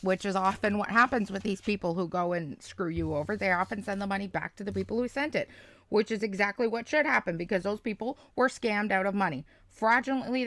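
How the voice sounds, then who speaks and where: A woman's voice: medium pitch, fairly bright tone, no echo. A woman host reacting to a played clip, scolding and mocking the person in it. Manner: sarcastic and scolding. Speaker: reaction streamer.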